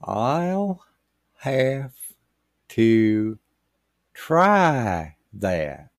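A man's voice: mid-range voice, lively intonation, normal speed, darkish tone, no echo, studio quality, lightly acted. A man doing a blunt old farmer. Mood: blunt folksy. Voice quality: blunt folksy rural talk. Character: plainspoken old male farmer, blunt and befuddled. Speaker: co-host. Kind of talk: comedic character banter.

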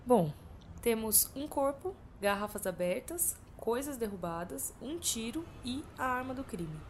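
A woman's voice: a little high, animated, measured pace, a little hiss or hum. A woman playing an authoritative police chief, curt, bossy and matter-of-fact in acted crime comedy-drama dialogue.

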